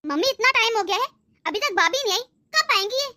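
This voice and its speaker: A woman voicing a sharp-tongued, spiteful grown daughter in a cartoon, taunting and bossing her family around. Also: very high-pitched, expressive, a little fast, full character voice. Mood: scolding. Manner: scolding, taunting, demanding. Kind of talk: Hindi cartoon voice acting.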